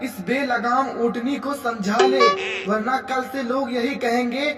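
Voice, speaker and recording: A performer voicing a quarrelsome old mother-in-law in a cartoon comedy skit, scolding and slow. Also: on the high side, fairly even intonation, natural voice. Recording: echoey, distant, loud music behind.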